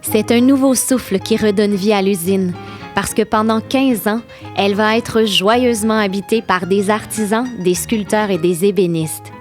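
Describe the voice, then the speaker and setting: A Québécois woman narrates a walking tour in a close-miked voice-over, pitched in the middle range. She sounds playful and enthusiastic, tossing teasing asides to her listeners, while faint music plays underneath. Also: moderate pace. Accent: Québécois French. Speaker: podcast host and tour guide.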